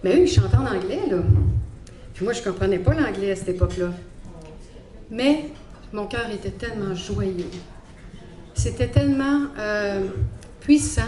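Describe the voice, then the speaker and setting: A woman from Montreal, Quebec, speaks French as a guest giving a personal faith testimony in an echoey hall with faint background noise. Her medium-pitched, warm voice has lively intonation, and she talks unhurriedly with long pauses. She sounds hesitant and reflective, using many fillers.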